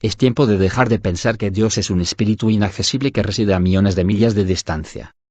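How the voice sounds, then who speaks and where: A man narrating a devotional audiobook in an even, measured reading style. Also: on the low side, dry recording. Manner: even, measured reading that voices punctuation aloud.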